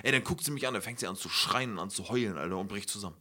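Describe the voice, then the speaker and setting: A man's voice: lowish voice, very fast, pushed and bright, breathy edge. A young man hosting a podcast, telling a story to friends in a casual, slangy way and swearing freely. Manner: slangy, swears a lot, keeps saying "Alter" and "Digga". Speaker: podcast host.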